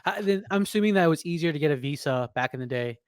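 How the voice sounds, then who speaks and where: A man's voice: fairly high pitch, expressive, quick pace, clear, resonant tone, no echo, clean studio sound. A man from Peru, co-hosting a podcast, asking curious questions in casual chat. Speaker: podcast co-host.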